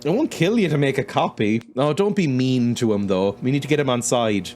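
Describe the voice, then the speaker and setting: A man's voice: mid-range voice, animated, a little fast, a little mellow, a little hiss or hum. A young man giving wry, sweary commentary while playing a game, reading its text aloud and laughing often. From Ireland. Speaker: let's-play host.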